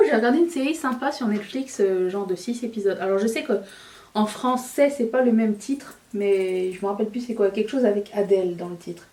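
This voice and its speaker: A woman's voice: mid-range voice, dark tone, distant mic. Woman, beauty vlogger, chatty and self-mocking, roomy echo, a bit off-mic. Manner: chatty, self-mocking, talks while applying makeup. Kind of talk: casual makeup tutorial chat.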